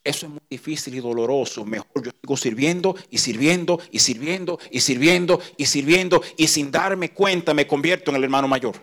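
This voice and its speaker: A middle-aged pastor delivers a sermon in a slightly high voice. His preaching swings between soft, close passages and loud, forceful ones. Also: a little fast, hardly any pauses.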